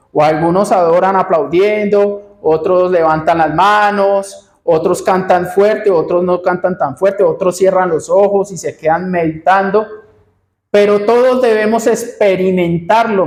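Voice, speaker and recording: A man's voice: sits high, a little mellow. A Colombian man preaching a sermon, repeating phrases for emphasis and often calling out to his beloved brothers. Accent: Colombian Spanish. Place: church sanctuary. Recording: echoey church room.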